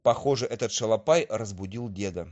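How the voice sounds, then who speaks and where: A man's voice: fairly low pitch, brisk, a little mellow, lightly acted. A man voicing a stern but kindly old aunt cloud who scolds and gives orders, on a dull lo-fi old recording. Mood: commanding. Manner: scolding, commanding.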